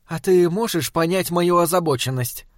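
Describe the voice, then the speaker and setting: A man voicing a worried, devoted wife who pleads gently with her husband, in a dry audiobook reading. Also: high-pitched, moderate pace, no room sound, close to an everyday voice. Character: worried devoted wife, middle-aged woman.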